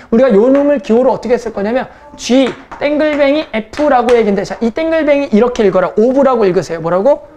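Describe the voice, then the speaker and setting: A woman's voice: on the high side, a little mellow, slight background noise. A young woman math teacher lecturing a class, casual and teasing, who keeps checking in with her students.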